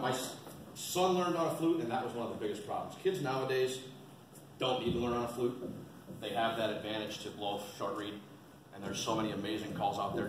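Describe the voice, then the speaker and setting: A man presenting an informal how-to seminar to a group, plain-spoken and folksy, repeating his points for emphasis. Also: medium pitch. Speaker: seminar presenter, experienced waterfowl hunter. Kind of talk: informal instructional talk to a group. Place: indoor seminar at a museum. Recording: roomy, distant mic with faint noise.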